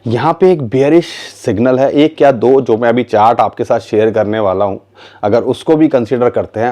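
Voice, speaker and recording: A man's voice: mid-range voice, mellow. A man giving casual, explanatory market commentary. He talks in a conversational way, asks rhetorical questions and calls his viewers "bhaiya".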